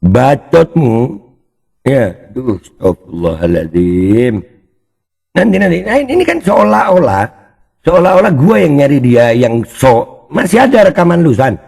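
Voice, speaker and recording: A man's voice: mid-range voice, sing-song, measured pace, vocal fry, darkish tone. A man hosting a commentary channel, mocking and taunting someone he is reacting to. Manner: taunting, exclamatory, addresses opponent directly.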